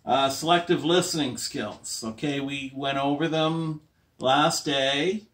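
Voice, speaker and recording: A man speaking slowly and patiently as a teacher, walking language learners through a listening exercise. He pauses to check whether anyone has questions. His voice sits at an ordinary pitch and comes from some distance away from the mic. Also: fairly bright tone. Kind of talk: classroom lesson to language learners.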